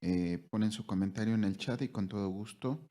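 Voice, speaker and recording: A man's voice: lowish voice, moderate pace, dark tone. A man with a Mexican accent moderating an online class, politely relaying comments from the chat to the teacher.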